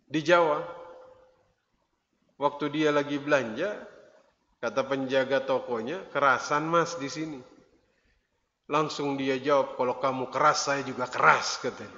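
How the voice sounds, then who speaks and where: A man's voice: mid-range voice, bright, forceful tone. A man giving a dawn sermon in a mosque. He tells funny everyday stories and keeps putting questions to the congregation. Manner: storytelling with jokes, asks the congregation questions. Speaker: preacher. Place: mosque hall. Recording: echoey long-reverb hall, dull lo-fi sound.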